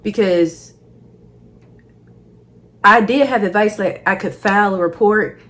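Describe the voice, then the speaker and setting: A young woman vlogger telling a casual storytime in a slangy, animated way, laughing often. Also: medium pitch, a little slow.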